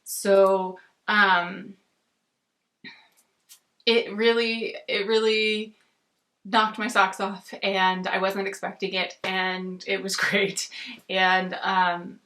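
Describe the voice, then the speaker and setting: Bright-voiced American woman, rambling book chat. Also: medium pitch, level tone. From United States. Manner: rambling, halting, often trailing off and rephrasing. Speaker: book reviewer on a video channel. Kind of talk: casual book chat to camera.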